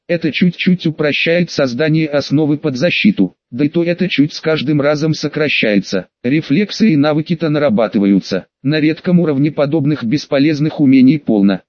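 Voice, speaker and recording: A man narrating a first-person fantasy audiobook in a measured, wry, conversational way. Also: fairly high pitch, dry recording. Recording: dull dry recording.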